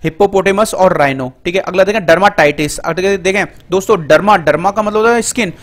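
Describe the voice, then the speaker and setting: A middle-aged man teaching English vocabulary through word roots in a Hindi lecture, explaining step by step and reading English definitions out slowly. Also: high voice, fairly bright tone. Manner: explains word roots step by step, often says "ठीक है" and "दोस्तों".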